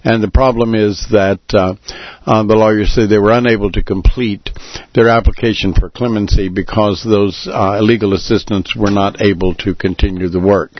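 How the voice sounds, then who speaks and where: A man's voice: on the low side, fairly even intonation, no echo. Hesitant male radio host, dry sound. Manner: hesitant, many filler sounds, deliberate explaining. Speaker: radio talk show host. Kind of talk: live radio talk. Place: radio studio. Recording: dull lo-fi radio broadcast.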